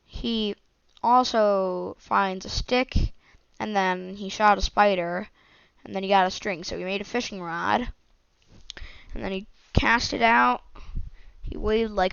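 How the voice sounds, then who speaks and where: Woman rambling thru a podcast story, slow smooth voice, lo-fi dry sound. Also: medium pitch, a bit bright, dry recording. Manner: rambling, strings events with "and then". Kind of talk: improvised story narration. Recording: dull lo-fi dry recording.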